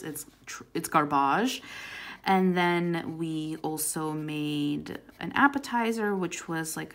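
A young woman in her twenties, telling a trip story in a chatty, casual way full of "like" and "um", coloring as she talks. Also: fairly low pitch. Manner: chatty, lots of "like" and "um". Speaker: coloring channel host. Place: indoors at home, coloring while talking.

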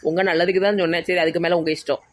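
A woman's voice: on the low side, little pitch movement, racing, dry recording. A woman with a Tirunelveli Tamil accent in a village comedy skit, bossy and showy. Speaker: comedy sketch actor.

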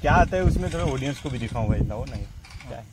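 A man's voice: mid-range voice, animated, very fast. Young male vlogger, playful and laughing, recorded outdoors at night over noisy background. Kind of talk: casual chat with friends.

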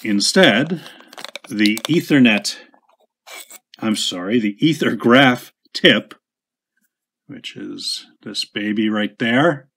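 Slow, low-voiced man demonstrating a pen. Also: vocal fry, fairly bright tone, breathy edge. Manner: unhurried, chatty, self-correcting with small asides. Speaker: pen shop owner demonstrating a product. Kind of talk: casual product demonstration. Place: home writing desk.

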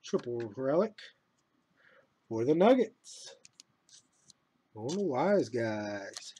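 A man hosting a live sports card break, announcing each card pulled with a slow, loud build and casual laughing asides. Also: mid-range voice, very animated, a little hiss or hum, poor audio.

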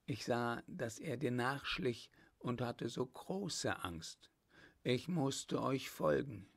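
Man putting on anxious young woman, soft, pleading, slow, slightly raised gravelly voice. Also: medium pitch.

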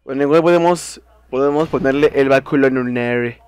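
A young man with a Mexican accent giving casual commentary while playing a video game, swearing and shouting in frustration. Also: medium pitch, normal speed, smooth, no room sound. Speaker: gameplay streamer. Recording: faint game music behind.

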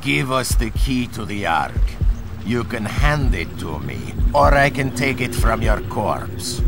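An actor playing a menacing, curt military officer with a gravelly voice in a video game. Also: male voice, medium pitch, big pitch swings, a little slow, music in the background. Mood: cold threat. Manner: curt, commanding, threatening. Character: menacing foreign military officer demanding a weapon key. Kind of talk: video game cutscene acting.

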